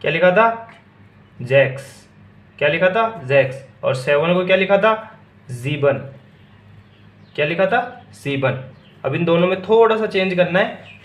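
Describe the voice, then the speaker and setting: A man's voice: high voice, lively intonation, a little slow, pauses often. Man teaching in an echoey room. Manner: asks a question then answers it himself, repeating each word. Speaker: German teacher. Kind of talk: classroom-style language lesson.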